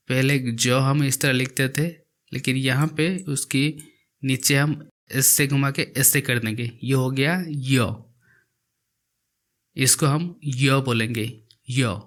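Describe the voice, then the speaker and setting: A man's voice: medium pitch, fairly even intonation, a bit bright. A man teaching an alphabet lesson, saying each letter twice and explaining how to write it. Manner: repeats each letter slowly while writing it. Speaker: language teacher. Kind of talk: slow alphabet lesson with repetition.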